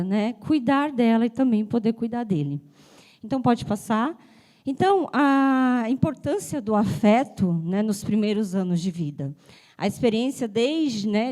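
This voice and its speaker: Speaking at a symposium, a woman who is an adult with a child uses a slightly high, mellow voice, made a bit breathless and nasal by a cold. She talks to the audience conversationally and directly, often adding "né?".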